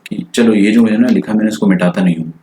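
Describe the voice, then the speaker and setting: A man teaching maths in a live online lecture, working problems out loud in Hindi-English and checking in with students with frequent tag questions. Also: fairly low pitch, fast talker, poor audio. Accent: Indian. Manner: thinks aloud while solving, mixes in English phrases.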